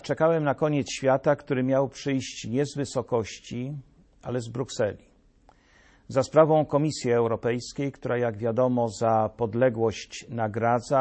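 A man's voice: mid-range voice, a little mellow. A man delivering a scripted satirical commentary with a sarcastic, mock-solemn manner, addressing his listeners directly. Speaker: political commentator.

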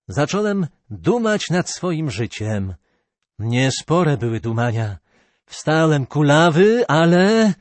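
A man's voice: a little high, no room sound, full character voice. A man voicing a lame old-robber fiddler. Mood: rueful. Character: lame ragged male fiddler, reformed robber, blunt and humble.

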